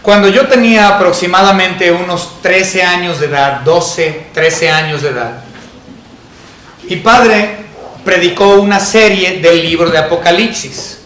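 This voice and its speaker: A man preaching a sermon as pastor, telling a personal story and acting out his childhood fear in a higher voice. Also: measured pace, a bit bright, echoey room, slight background noise. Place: church sanctuary.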